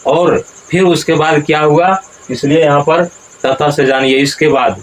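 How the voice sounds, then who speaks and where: A man teaching Sanskrit verse pronunciation, breaking words into syllables slowly and deliberately. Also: on the high side, steady tone, slight background noise, poor audio. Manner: slow, deliberate, syllable-by-syllable recitation. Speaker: Gita recitation teacher.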